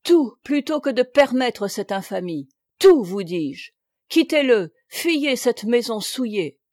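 A woman's voice: on the high side, expressive, moderate pace, mellow, no echo, studio quality. A woman reading the part of a stern, furious male country priest, with a fierce, scolding, preachy delivery.

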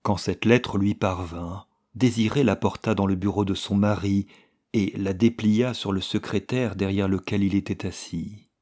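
A man narrating a literary story in a measured, grave way. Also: fairly low pitch, a little mellow.

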